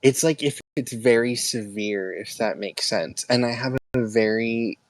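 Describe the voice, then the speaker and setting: A man's voice: medium pitch, no room sound. A young man calling in, talking hesitantly with many fillers about his family and spirits. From Texas. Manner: hesitant, halting, with many likes and ums. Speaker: caller. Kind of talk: casual talk.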